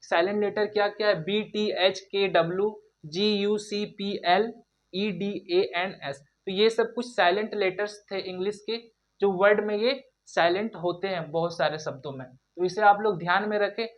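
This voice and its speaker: A woman's voice: mid-range voice, steady tone, normal speed, muffled recording. Woman teacher drilling word pronunciations. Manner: repeats questions and answers, addresses viewers as friends. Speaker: English teacher. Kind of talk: online lesson, drilling pronunciation.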